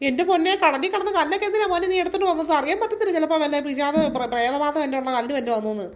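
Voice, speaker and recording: A woman's voice: high-pitched, lightly acted. A woman playing a fussy, fretting grandmother. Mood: fretful. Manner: rapid, animated scolding and fretting. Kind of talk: cartoon voice acting.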